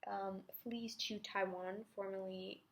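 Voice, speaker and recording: A woman's voice: mid-range voice, fairly even intonation, takes it slowly. Chatty young woman explaining history. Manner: chatty, self-mocking asides, whispers now and then. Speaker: student revising history. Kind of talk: casual study-video explanation.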